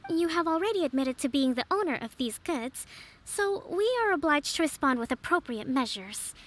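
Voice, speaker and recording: Firm in mood, the young divine priestess and island leader keeps her delivery composed, formal and gently authoritative, staying calm and measured throughout. Her female voice sits high and moves at a normal speed over soft music in this game recording.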